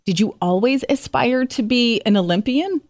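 A woman's voice: fairly high pitch, expressive, normal speed, a little mellow, no room sound, studio quality. A woman hosting an interview, introducing her guest with upbeat enthusiasm. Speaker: podcast host. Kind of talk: casual interview chat.

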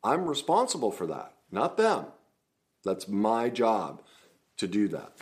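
A man's voice: on the low side, very animated, takes it slowly. A man teaching about communication in relationships, earnest and emphatic, acting out sample dialogue. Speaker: relationship coach.

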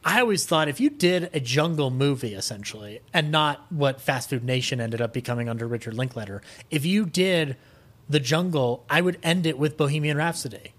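Music and film are the subjects as a man shares his opinions casually on a podcast. His voice is on the high side, animated and fairly quick, and he is enthusiastic and emphatic, often starting his thoughts over partway through.

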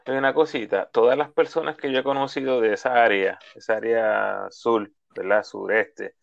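A male interview host asks measured questions. His voice is gravelly with fry. The recording is dry and somewhat dull. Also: mid-range voice, steady tone, no room sound. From Puerto Rico. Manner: brief listener responses, measured questions. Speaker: podcast host.

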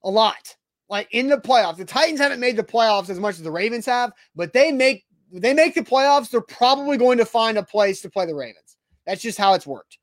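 A man's voice: very high-pitched, lively intonation, normal speed, no echo, studio quality. A man hosting a casual sports talk podcast, blunt and repeating himself when worked up. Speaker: podcast host.

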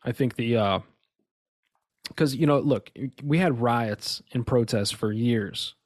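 A man's voice: mid-range voice, slow pace, a little mellow, dry recording, studio quality. A man co-hosting a casual podcast, talking in a rambling, emphatic way with lots of restarts and asides. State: has the hiccups. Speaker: podcast co-host. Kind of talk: casual conspiracy chat.

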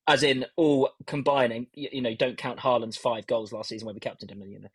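A man hosts a casual fantasy football podcast in a husky voice. He banters and pokes fun at himself. The audio is dry but low quality, like a stream without a proper microphone. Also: fairly even intonation, fast talker, no echo. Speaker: host of a fantasy football show. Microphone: stand-in mic, not his usual one.

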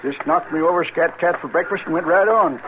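An actor playing a flustered old sheep farmer in a radio western, with a folksy, rambling rural Western American drawl. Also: male voice, on the high side, a little fast, lightly acted. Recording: dull, noisy old radio recording.

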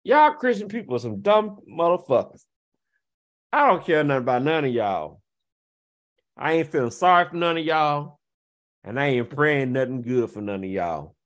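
A man with a high voice rants straight at his audience. He taunts them with rhetorical questions, scoffs and laughs, then drops into low, slow muttering. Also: big pitch swings. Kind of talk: confrontational rant to camera.

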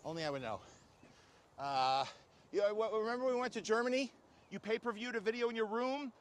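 A man's voice: sits high, a little fast, natural voice. A man playing a concerned, exasperated, rambling friend in a comic film scene. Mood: exasperated, awkward.

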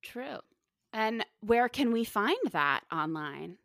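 A woman hosting a casual podcast, upbeat and lively. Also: fairly high pitch, slow, vocal fry, dry recording, studio quality. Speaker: podcast host.

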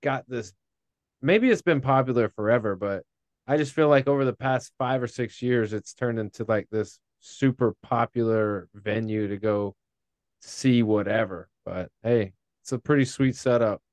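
A man co-hosts a podcast in a laid-back, jokey manner. He draws out his words. His voice sits at an ordinary pitch, recorded dry and close. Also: normal speed, a little mellow, no echo. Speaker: podcast co-host asking questions. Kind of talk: casual podcast chat.

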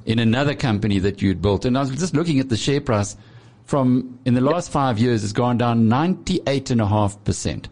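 A man interviews a guest in a voice of middling pitch. His style is conversational, and he sounds encouraging and appreciative as he puts his questions. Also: expressive, normal speed, a little mellow. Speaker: interviewer, host.

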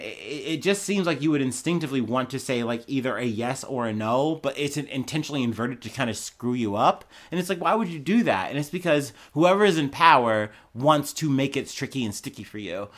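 A young man runs a solo news podcast, reading quotes aloud before riffing on them in loose, profane, chatty commentary. His mid-range voice is expressive and fairly quick.

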